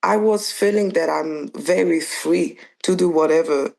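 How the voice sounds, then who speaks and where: A young adult woman from Belgium, a dancer and choreographer, speaks in a low, gravelly, slightly mellow voice without hurrying. She's a guest in a casual interview, chatting loosely and searching for words, full of restarts, fillers and "like."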